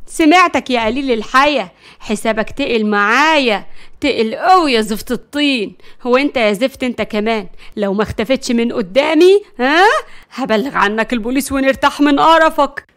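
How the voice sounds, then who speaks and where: A woman with an Egyptian accent voicing a bossy, hot-tempered grandmother who scolds loudly. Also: a little high, brisk, natural voice. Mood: scolding. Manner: scolding, loud and exasperated.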